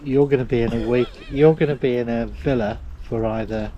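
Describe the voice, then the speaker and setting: A man's voice: mid-range voice, steady tone, brisk, muffled recording. A middle-aged man, giving wry running commentary on a motorbike ride. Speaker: motorcycle vlogger. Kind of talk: casual chat while riding.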